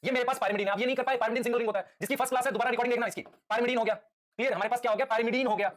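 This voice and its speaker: A male teacher giving a live lecture, patiently quizzing his students with quick repeated questions and calling them "beta". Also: very high voice, steady tone, fairly bright tone.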